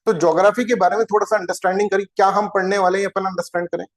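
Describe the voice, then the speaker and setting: A man's voice: high voice, flat delivery, rapid-fire. A man teaching an exam-prep geography lecture, chatty and informal, who keeps asking his students rhetorical questions.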